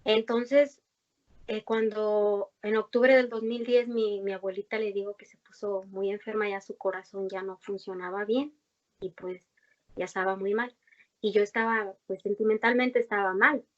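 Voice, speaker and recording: A woman's voice: medium pitch, steady tone, normal speed. A young woman gives a heartfelt personal faith testimony in conversation, earnest and rambling, with many fillers and restarts. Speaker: guest giving a faith testimony. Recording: dull lo-fi recording.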